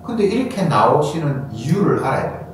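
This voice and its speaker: A man preaching a sermon as pastor, animated and acting out quoted voices with sudden high bursts. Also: a little fast. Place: church sanctuary. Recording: echoey church hall from far off, faint noise.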